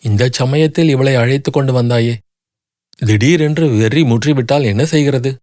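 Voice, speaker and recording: A man voicing a composed royal princess who speaks in measured, soothing tones. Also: medium pitch, dry recording, studio quality, natural voice. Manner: soothing, measured, sometimes hushed. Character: composed royal elder princess, kindly but wary.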